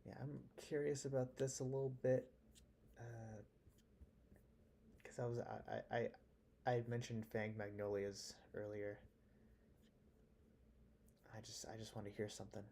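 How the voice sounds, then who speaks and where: Laid-back man with a gravelly morning voice. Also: fairly low pitch, flat delivery, unhurried, long pauses, mellow, slight background noise. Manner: rambling, stammering restarts, laid-back. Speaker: music producer streaming. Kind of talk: relaxed live-stream chat. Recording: music playing faintly behind.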